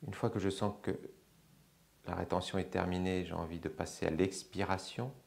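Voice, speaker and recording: Deep gravelly man guiding slow breathing. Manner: slow, calm, measured guidance with long pauses. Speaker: yoga instructor. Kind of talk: guided breathing exercise.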